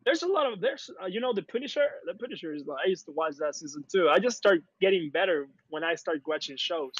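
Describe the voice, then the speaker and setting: High-voiced young man. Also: animated, husky, no echo. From Latin America. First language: Spanish. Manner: halting, searching for English words. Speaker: esports player guest. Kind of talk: casual interview chat. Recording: dull, dry lo-fi sound.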